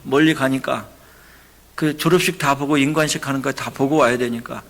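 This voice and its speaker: A middle-aged man from Korea, a pastor, preaching a sermon into a church microphone, telling stories and then building to loud preaching. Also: mid-range voice, steady tone, normal speed.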